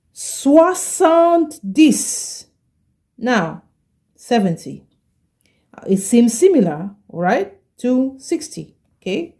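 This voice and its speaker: A woman teaching a French lesson, explaining patiently and repeating each word slowly, often checking in with "okay?". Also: on the high side, warm tone. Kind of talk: slow explanatory language lesson.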